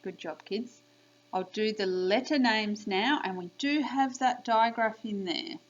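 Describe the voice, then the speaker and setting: Slow, patient woman teacher. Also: mid-range voice. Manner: slow, clear sounding-out of letters and sounds. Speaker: primary school teacher. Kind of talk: children's spelling lesson video. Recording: slightly dull lo-fi sound.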